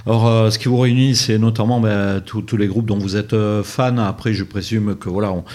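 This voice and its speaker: A man's voice: fairly low pitch, steady tone, fairly quick, darkish tone. A man interviewing a band, rambling with many hesitations and fillers. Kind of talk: casual interview.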